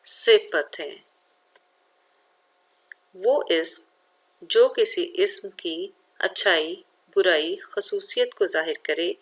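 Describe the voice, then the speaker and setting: A woman's voice: on the low side, fairly bright tone. A woman teacher with a Pakistani Urdu accent giving a recorded grammar lesson to schoolchildren, explaining carefully and speaking to her students directly.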